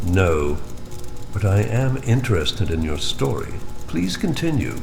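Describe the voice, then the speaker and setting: A deep, silkily menacing captain. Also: male voice, very animated, vocal fry, music in the background, exaggerated voice. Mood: hungrily curious. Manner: measured, formal, silkily polite. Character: menacing, hungrily curious starship captain interrogator, male. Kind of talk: full cast audio drama acting.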